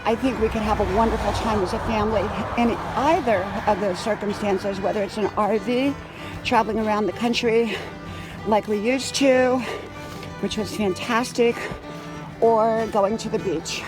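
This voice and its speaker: Woman, 60s, casual outdoor vlogger talking while on an easy run, reflective and gently advising, mid-pitched voice with music behind. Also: steady tone, normal speed, rough recording. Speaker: vlogger with a wisdom channel. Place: outdoors on a trail and roadside.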